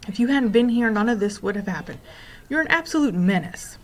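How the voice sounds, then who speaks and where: A woman voicing a stern, pompous, towering male storybook creature with a brisk, scolding manner. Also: medium pitch, close to an everyday voice. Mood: annoyed, scolding. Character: stern, snappish towering male creature, grudgingly soft-hearted.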